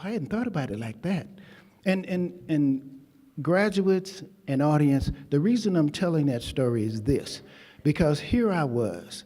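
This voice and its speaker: An older man from Texas gives a commencement speech, weaving folksy stories into an emphatic address. His voice is mellow and dark. A long reverb from the ceremony hall trails behind each phrase. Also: fairly high pitch. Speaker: convocation speaker.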